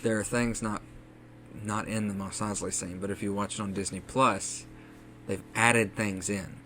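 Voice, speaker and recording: A man's voice: fairly low pitch, steady tone, moderate pace, fairly bright tone, slight background noise. A man co-hosting a casual podcast, chatting enthusiastically and acting out quotes. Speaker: podcast co-host. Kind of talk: casual chat.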